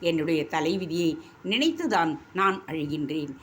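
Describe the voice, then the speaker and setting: A woman's voice: deep voice, expressive, normal speed, a little hiss or hum. A woman reading the lines of a fearful, sorrowful young princess in a storybook.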